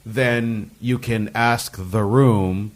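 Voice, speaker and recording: A man co-hosting a comedy science podcast, explaining research in a loose, jokey, animated way. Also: lowish voice, extremely slow. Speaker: podcast co-host. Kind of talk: casual comedic science chat.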